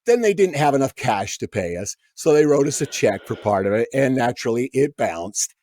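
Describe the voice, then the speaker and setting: A man tells casual stories as a podcast's guest musician, animated throughout and voicing the people he quotes. The sound is clean studio audio without echo, and his mid-range voice moves at a moderate pace.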